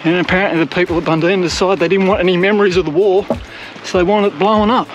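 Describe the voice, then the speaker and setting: Older Aussie bloke, high-ish voice, rambling trail-walk chatter, handheld camera outdoors. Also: male voice, fairly even intonation, fast talker, lo-fi sound, slight background noise. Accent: Australian. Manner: chatty, rambling, self-mocking. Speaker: hiking vlogger. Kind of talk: casual walking commentary. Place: outdoors on coastal bush trail and beach. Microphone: action camera held at arm's length.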